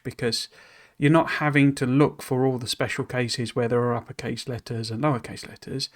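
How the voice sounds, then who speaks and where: A streamer with a middle-pitched voice reads a game developer's blog aloud, then breaks off to explain it in relaxed, loose asides. His talk is hesitant and rambling, packed with "you know"s and restarts, and he stumbles apologetically over foreign words.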